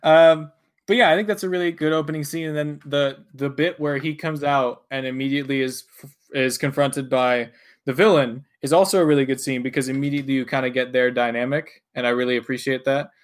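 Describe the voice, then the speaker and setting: A man's voice: mid-range voice, fairly even intonation, a little fast. A man casually discussing a film with friends, chatty and laughing often, with plenty of fillers.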